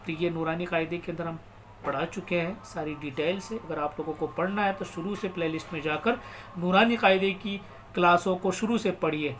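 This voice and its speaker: A man teaching Quran recitation. He recites slowly and draws out words, then explains quickly and spells out letters and vowel marks. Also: high voice, sharp tone. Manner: slow drawn-out recitation alternating with quick explanations. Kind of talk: step-by-step recitation lesson.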